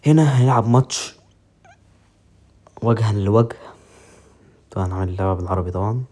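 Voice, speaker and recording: A man with an Egyptian accent commentating his own football game match with excited, joking play-by-play. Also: fairly low pitch, quick pace, slight background noise. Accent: Egyptian Arabic. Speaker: mobile football gamer.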